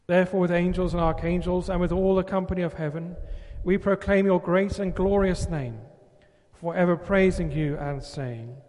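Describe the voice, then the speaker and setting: A man leading a Eucharistic prayer as priest, reciting in a measured, formal way, his voice ringing with a long cathedral-like reverb. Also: sits high, a little mellow. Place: large church. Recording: long reverb in a large church.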